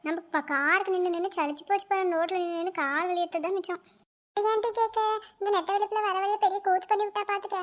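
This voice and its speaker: A shrill, very high cartoon big sister, voiced by a woman, scolding and grumbling at everyone. She rattles along at a brisk clip, nagging the whole way. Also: steady tone. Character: loud bossy grown woman, grumbling elder sister. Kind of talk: comedy cartoon voice acting.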